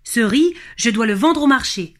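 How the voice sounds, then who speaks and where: A woman's voice: on the high side, expressive, moderate pace, voice pushed up, close to an everyday voice. A woman voicing a plucky young girl in a children's storybook, spirited and protesting. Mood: defiant. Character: plucky young girl, Little Sister Lee.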